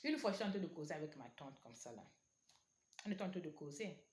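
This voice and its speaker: Low-pitched woman preaching. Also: lively intonation, brisk, a little mellow. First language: not French. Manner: earnest, repetitive, exhorting. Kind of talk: sermon, exhortation to online viewers. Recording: echoey room.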